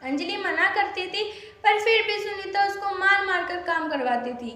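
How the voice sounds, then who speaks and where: A woman's voice: very high voice, normal speed, pushed and bright. A woman narrating a moral tale as a storybook reading, briefly voicing each character. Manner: reads plainly, briefly voices each character. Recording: very echoey room with music.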